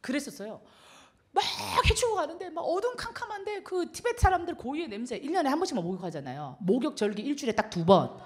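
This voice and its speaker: A middle-aged woman missionary preaching to a congregation, her voice high and swooping widely as she acts out conversations. She talks quickly and laughs often between her lines. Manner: animated storytelling, acts out dialogue, laughs often. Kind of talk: sermon with storytelling.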